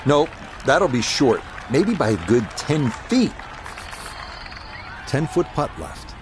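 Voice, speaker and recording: A man's voice: mid-range voice, sing-song, slow pace, background noise. A man working as a golf commentator, calling shots and describing holes in a conversational, wry way. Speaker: golf commentator, lead announcer. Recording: music and crowd behind the voice. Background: music and outdoor crowd ambience.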